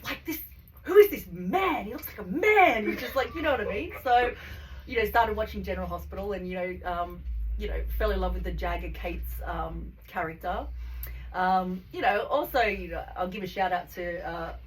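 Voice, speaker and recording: A woman's voice: medium pitch, moderate pace. Australian woman podcast host, effusive, filler-heavy; recorded off-mic with light background noise. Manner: gushing, rambling, heavy on fillers. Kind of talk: casual chat, guest introduction. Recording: distant mic, faint noise.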